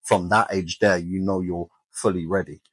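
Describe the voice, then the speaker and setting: Man in his twenties, very low pitch, smooth clear tone, colloquial, opinionated, casual podcast talk. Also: steady tone, normal speed, fairly bright tone, no room sound. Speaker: podcast co-host.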